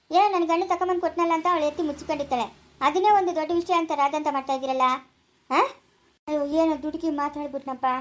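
A performer voicing an indignant young husband with a rural Karnataka Kannada accent, pleading and scolding rapidly in a cartoon family drama. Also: very high-pitched.

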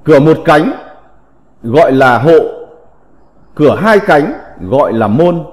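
A man teaching a slow recited vocabulary lesson, reading in a deliberate, measured way with drawn-out syllables. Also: on the high side, very animated, a little mellow. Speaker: teacher of classical characters. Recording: long reverb.

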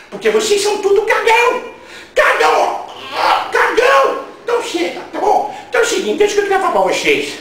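A man playing a brash, indignant comic radio host, shouting crude, mocking rants. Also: very high voice, heavily acted. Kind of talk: comic rant. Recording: very echoey room, voice far from mic.

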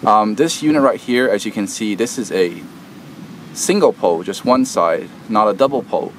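A man's voice: on the low side, expressive, moderate pace, a little hiss or hum. A man hosting a do-it-yourself video, talking through a repair step by step outdoors with many hesitant fillers. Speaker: DIY video host. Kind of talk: casual how-to explanation. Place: outdoors at an air conditioner unit.

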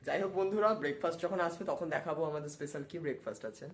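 A man's voice: on the high side, very fast, reverberant. Man, travel vlogger, casual talk to camera, friendly address to viewers, mixes in English, faint background noise.

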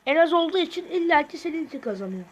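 A woman's voice: very high-pitched, sing-song, very fast, dull audio, a little hiss or hum. A woman giving casual gameplay commentary, talking to viewers and muttering reactions as she plays. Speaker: gaming video host.

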